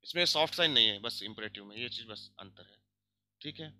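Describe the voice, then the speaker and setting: A young man teaching a grammar lesson, explaining step by step, checking in often and drilling example words slowly. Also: on the low side, lively intonation, pushed and bright, slight background noise. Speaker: language teacher.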